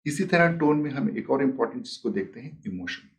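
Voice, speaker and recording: A man's voice: mid-range voice, lively intonation, a little fast, recorded from a distance. A man teaching a life skills lesson, explaining step by step and acting out example sentences. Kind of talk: spoken lesson with demonstrations.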